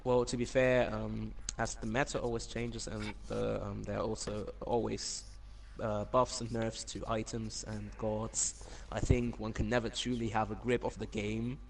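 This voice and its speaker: A man's voice: lowish voice, level tone, a little slow, vocal fry, few pauses, a little hiss or hum. A man chatting casually as a podcast guest, talking in an informal, anecdotal way. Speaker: podcast guest, competitive gamer. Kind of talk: casual chat.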